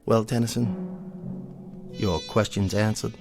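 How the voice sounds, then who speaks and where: A wealthy old colonel with a low voice, full of haughty disdain. The delivery is formal and exact, as in a radio drama. Music plays softly behind the words. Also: male voice, fairly even intonation, takes it slowly. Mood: brisk, condescending.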